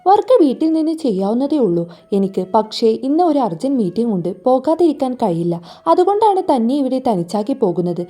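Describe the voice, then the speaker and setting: A woman's voice: a little high, sing-song, fast, mellow. A woman voicing a stern, commanding young husband who gives curt orders in a storybook reading, over faint music.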